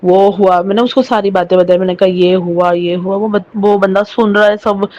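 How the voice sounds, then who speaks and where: A woman's voice: mid-range voice, steady tone, a little fast, darkish tone, lo-fi sound. A woman sharing a personal devotional testimony in a casual, emotional and rambling way, acting out the dialogue as she goes. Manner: emotional, rambling, with many restarts and quoted dialogue.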